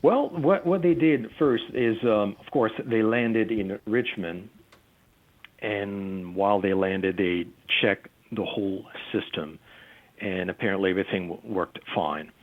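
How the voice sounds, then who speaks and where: A man working as a UFO field investigator, recounting a case in an interview, halting with many fillers and restarts, and losing his voice. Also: lowish voice. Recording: tinny phone-line call-in.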